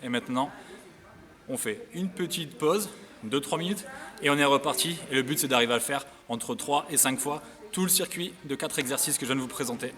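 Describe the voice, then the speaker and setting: A man's voice: mid-range voice, a little fast, fairly bright tone. A man coaching a workout, explaining each exercise and counting repetitions while he demonstrates. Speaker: fitness coach. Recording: echoey hall, distant mic, music.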